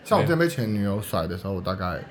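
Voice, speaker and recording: A man's voice: on the low side, big pitch swings, very fast. A man, a guest on a casual bar chat, speaking bluntly with dry humor. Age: 20s. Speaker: guest, nightclub marketing planner.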